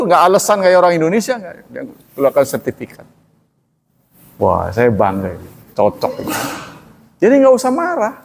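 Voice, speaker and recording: A fairly high-pitched male preacher giving an animated sermon. He jumps into quick acted-out exchanges and laughs between points. His voice rings with the long reverb of a large hall. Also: vocal fry. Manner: animated, acts out dialogues with raised pitch. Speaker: Islamic preacher.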